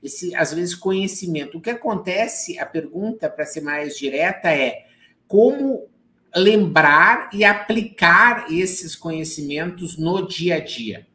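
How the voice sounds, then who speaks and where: A man's voice: high voice, animated, slow, sharp tone. A man hosting a live online talk, asking questions and introducing participants over a video call microphone. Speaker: host of a live stream.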